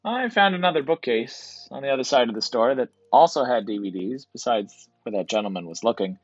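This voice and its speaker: A man's voice: medium pitch, expressive, fairly quick, dry recording, muffled recording, faint music behind. A man narrating his thrift store trip as a voice-over for his reselling vlog, in a casual, explanatory way. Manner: casual, explanatory, repeats "to be honest".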